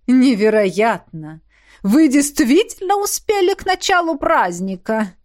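A woman's voice: mid-range voice, moderate pace, darkish tone, dry recording, studio quality, natural voice. A woman voicing a smug, scheming male fairy captain whose speech drips with sweet venom. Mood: smug sugary. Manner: sugary, hissing.

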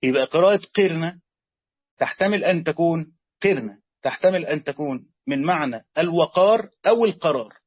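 A man with an Egyptian accent teaching a lesson, explaining slowly, repeating words and quizzing his students. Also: a little high, expressive, husky, no room sound. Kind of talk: classroom lesson on Quranic grammar. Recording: dull lo-fi sound, dry.

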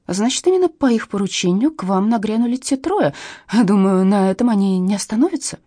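A woman voicing a level-headed, sarcastic woman friend with a husky, dark voice. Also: medium pitch, expressive, no echo, clean studio sound, pitched above the performer's own voice. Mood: reasoning. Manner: brisk, sarcastic. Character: sharp-tongued sensible woman friend, sarcastic.

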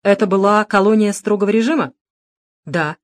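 A woman's voice: medium pitch, normal speed, dry recording, voice pushed up, lightly acted. A woman voicing a cool, mocking male private detective in an audiobook, speaking sternly. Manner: stern, needling. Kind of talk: audiobook narration.

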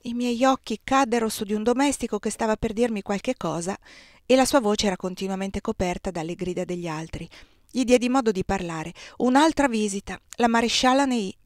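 Brief: female audiobook reader, measured and expressive, mid-pitched, dead-dry sound. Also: no room sound. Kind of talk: novel narration read aloud.

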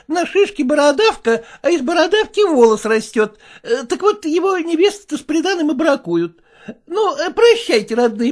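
A woman reading a story aloud, voicing a chatty, bustling old matchmaker. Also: sits high. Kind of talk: audiobook character voice.

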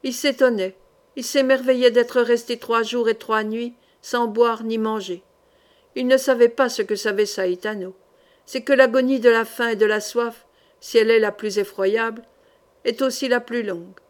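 A woman audiobook reader narrating a historical novel in a measured, dramatic storytelling manner. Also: a little high, steady tone.

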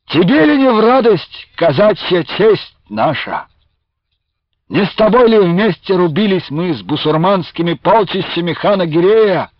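A man's voice: high-pitched, big pitch swings, a little slow, no echo, voice pushed up. A man reading aloud, playing a proud Cossack veteran with a firm, ringing tenor and a fervent way of speaking. The sound is dull and lo-fi like an old radio broadcast, dry and close. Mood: fervent loyalty.

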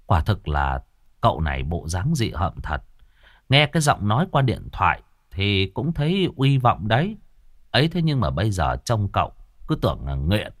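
A man narrating a ghost story in an earthy, colloquial, expressive way. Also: fairly low pitch, moderate pace, dry recording, clean studio sound.

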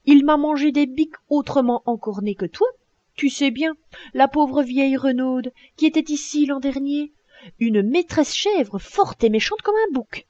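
A woman's voice: high-pitched, unhurried, dark tone, no room sound, highs cut off, voice pushed up. A woman playing an older male farmer who is worried about his goat and scolds it anxiously.

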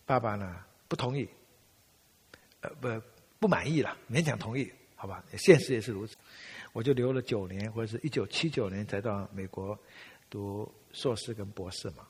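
Husky older man telling a story. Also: on the low side, moderate pace. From Taiwan. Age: 70s. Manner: lively storyteller acting out family dialogue. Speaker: speaker giving a testimony. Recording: long reverb of a large hall.

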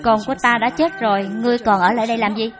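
A woman voicing a bitter, harsh older mother-in-law who scolds in shrill, cutting bursts. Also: steady tone, racing, over music, lightly acted. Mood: cold, scornful.

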